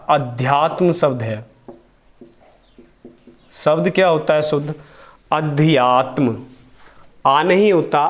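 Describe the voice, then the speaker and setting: A man teaching a spelling lesson, who asks questions to the class and answers them himself, drawing out each example word. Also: on the high side. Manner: slow and deliberate, drawing out example words. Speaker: Hindi teacher.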